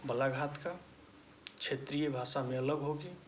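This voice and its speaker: Slow, deliberate male lecturer. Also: medium pitch, slight background noise. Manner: slow, deliberate explaining with repetition. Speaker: teacher-education lecturer. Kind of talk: spoken lecture.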